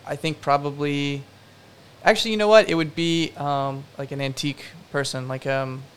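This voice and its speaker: A man's voice: fairly high pitch, steady tone, moderate pace, clean tone. A young man, a production designer, answering interview questions in a rambling, casual way full of fillers and self-deprecating asides.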